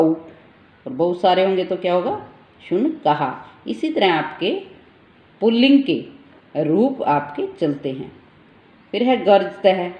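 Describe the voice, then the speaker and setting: A woman teacher giving an online class, who slowly repeats each word to drill its pronunciation. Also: fairly low pitch. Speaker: Sanskrit teacher. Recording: dull echoey room recording.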